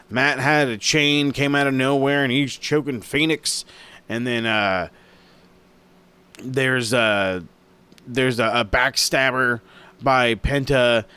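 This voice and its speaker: Young male host, loose and profane, rambles with excitement, mid-range voice. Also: medium pitch, takes it slowly, clear, resonant tone. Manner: rambling, swears a lot, excitable. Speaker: wrestling review podcast host. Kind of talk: casual profane recap.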